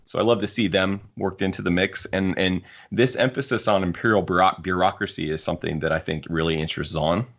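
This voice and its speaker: On a casual podcast panel, this co-host is a man with a low, gravelly, fairly bright voice who talks fast with few pauses and fairly even intonation. He discusses things at length, analytically and discursively, over dull, muffled lo-fi audio.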